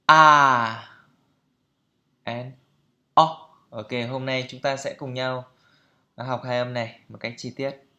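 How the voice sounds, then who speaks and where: A man teaching pronunciation, explaining calmly and then drilling sounds and words aloud with slow, deliberate repetition. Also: medium pitch, muffled recording. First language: Vietnamese.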